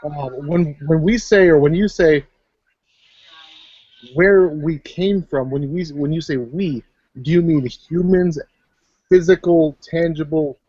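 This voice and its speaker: A man's voice: on the high side, warm tone, no echo. A man from Minnesota in casual chat, talking brashly and profanely, rambling about big ideas. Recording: dull, lo-fi voice chat.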